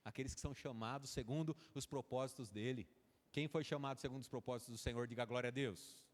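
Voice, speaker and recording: Brazilian pastor preaching in a reverberant church. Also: male voice, mid-range voice, fairly even intonation, quick pace. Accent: Brazilian Portuguese. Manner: folksy, acts out dialogues between father and children. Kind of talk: sermon.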